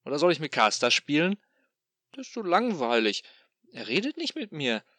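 A man's voice: fairly high pitch, huge pitch swings, fairly bright tone, dry recording, voice pushed up, heavily acted. A man voicing a mocking, sadistic machine demon. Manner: taunting, sing-song, drawn-out.

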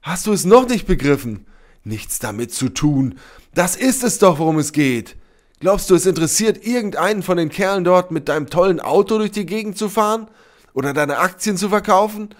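A man voicing a brash, scornful young woman in a read-aloud story, raising his voice high for her. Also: sing-song, normal speed. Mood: furious. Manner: mocking, then shouting in fury.

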